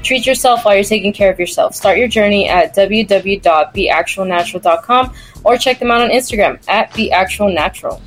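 Smooth woman co-host, faint music. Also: medium pitch, a little fast, low-quality recording. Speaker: podcast co-host. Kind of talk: read ad and interview questions.

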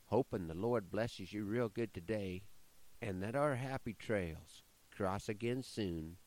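A man's voice: on the low side, unhurried, darkish tone, poor audio. A man with a rural American accent, hosting with folksy, wry scripted ranch storytelling. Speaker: radio host and rancher.

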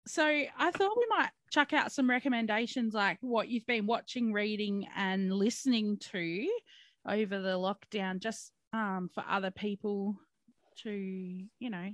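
A woman co-hosting a podcast, chatting casually and laughing often. Her voice sits in a middle pitch. The recording is dry and close. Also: unhurried, fairly bright tone, dry recording. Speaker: podcast co-host. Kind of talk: casual chat.

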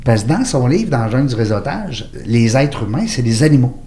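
A man's voice: mid-range voice, fairly quick. A man with a Québécois French accent hosting a radio talk show, jovial and joking as he tells anecdotes. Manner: jovial, joking, animated storyteller. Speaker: radio host.

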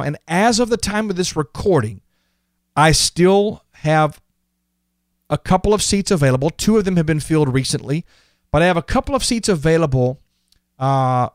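A fifty-year-old podcast host speaks earnestly and emphatically in a fairly high-pitched voice. The studio sound is dry with no room noise, and he delivers a reflective, motivational monologue.

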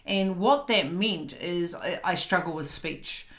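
Lowish woman podcast host, roomy echo, restarts a lot, open and candid. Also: takes it slowly, fairly bright tone. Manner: candid, searching for words, frequent restarts. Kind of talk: casual chat. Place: home, on a couch.

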